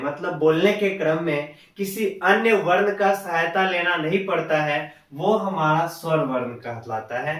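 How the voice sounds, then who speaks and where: High-voiced teacher in an echoey room. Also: male voice, fairly bright tone. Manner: explains step by step, asks and answers his own questions. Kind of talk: grammar lesson. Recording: echoey room, far from the mic.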